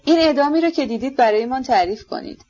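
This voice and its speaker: Woman doing an eager young woman, slightly raised pitch, insistent questions, lo-fi sound. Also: lively intonation, a little mellow. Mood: curious. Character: eager curious young woman, painter sister.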